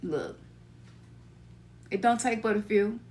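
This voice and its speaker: Her mid-range voice is slow with a darkish tone. She's a middle-aged spiritual teacher from Memphis, Tennessee, speaking to listeners in a casual, loose, slangy way with a Memphis Southern accent, occasionally acting out her own inner voice.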